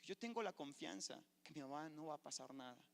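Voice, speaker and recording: Here the fervent pastor sounds a little high and creaky, animated and brisk as he tells his testimony during a sermon. The sanctuary gives the recording an echoey, hall-like quality.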